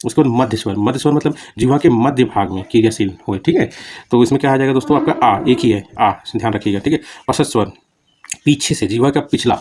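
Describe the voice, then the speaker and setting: A man's voice: mid-range voice, darkish tone, slight background noise. A man teaching Hindi grammar for exam preparation, explaining terms plainly with repeated examples and often checking in with his students. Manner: talks fast, keeps saying "ठीक है" and "दोस्तों". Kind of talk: exam-prep grammar lecture.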